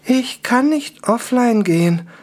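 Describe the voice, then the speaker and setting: A whiny, plaintive young elf woman of a game world, as a male narrator puts her on. Her voice sits well above the narrator's own and wavers through a lively melody, slightly breathy. She sounds put-upon and impatient. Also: extremely high pitch, slow, pitched above the performer's own voice, full character voice.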